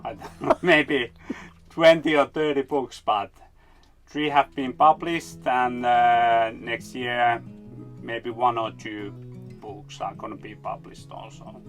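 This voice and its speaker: A Finnish man, a native Finnish speaker and fiction writer, talks casually in English as an interview guest while guitar music plays in the background. His mid-range voice is slow, a bit bright, and fairly even in intonation.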